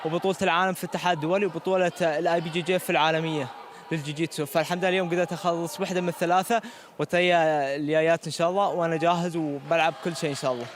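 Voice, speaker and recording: Emirati male athlete, earnest post-match interviewee, higher-than-average voice, faint venue noise. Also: fairly even intonation, rapid-fire. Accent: Emirati Gulf Arabic. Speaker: competing athlete being interviewed.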